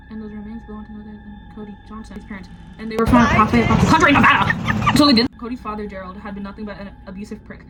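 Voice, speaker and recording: A woman's voice: mid-range voice, low-quality recording. A woman reading horror stories aloud for a vlog, breaking off now and then for joking asides.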